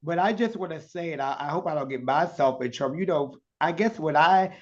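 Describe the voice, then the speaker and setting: A man's voice: fairly high pitch, a little fast, dull audio. A man with a Southern accent hosting a virtual interview, chatty and effusive, heard over a video call. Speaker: interview host.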